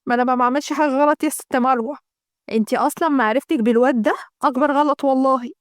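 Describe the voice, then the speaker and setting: A woman's voice: high-pitched, fairly even intonation, racing, dry recording, clean studio sound, close to an everyday voice. A woman voicing a young Egyptian woman lecturing her sister about reputation. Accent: Egyptian Arabic. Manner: lecturing, moralizing.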